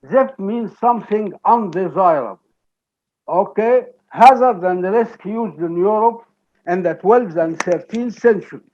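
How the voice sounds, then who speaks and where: A man with an Egyptian Arabic accent giving an academic lecture, explaining deliberately and checking in with "okay?". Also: sits high, a little mellow, muffled recording.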